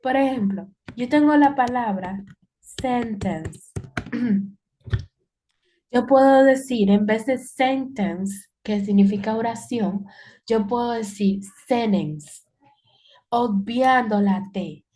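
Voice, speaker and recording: A woman's voice: a little high, slow pace, dark tone. Patient woman teaching an online class. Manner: patient, repeats key points to the class. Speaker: English teacher.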